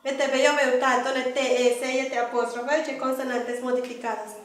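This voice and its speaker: A young woman from Yucatán, Mexico, teaches letters and sounds, high-voiced, stopping often to search for words. She sits well back from the mic in a very echoey room. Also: little pitch movement, far from the mic, faint music behind. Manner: halting, with many fillers. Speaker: language teacher. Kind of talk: teaching lesson.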